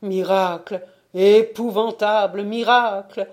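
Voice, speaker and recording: A woman's voice: on the low side, slow, warm tone. A woman voicing a frightened man, a church sacristan, who pleads and raises his voice in a storybook reading. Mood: terrified.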